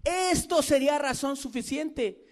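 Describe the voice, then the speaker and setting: Fervent high-voiced male preacher. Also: a little slow. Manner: fervent, swinging from loud declarations to hushed low passages. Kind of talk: sermon.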